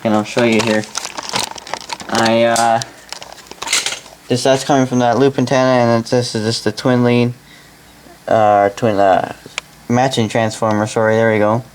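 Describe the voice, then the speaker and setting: A young adult Canadian man who hosts and tinkers with vintage radios gives a casual, unscripted demonstration of his hobby at an indoor workbench. He speaks in a mid-range, level voice, halting and rambling and often repeating words. It's a home video with faint background noise.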